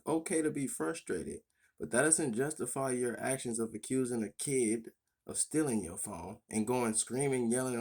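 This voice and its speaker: A man's voice: medium pitch, creaky, a little mellow. Blunt, profane male commentator. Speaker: commentator reacting to an interview clip. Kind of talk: casual reaction commentary.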